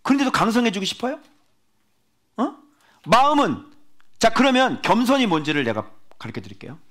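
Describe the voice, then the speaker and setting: A male pastor giving a sermon, emphatic and animated, with many rhetorical questions to the congregation. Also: sits high, fairly quick.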